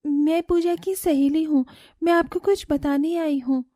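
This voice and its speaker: A woman's voice: measured pace, dry recording, studio quality. A woman voicing a young mother posing as a kindly stranger in a cartoon story, speaking in an earnest, sweet way. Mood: gently consoling. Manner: earnest and bright, very high sweet voice.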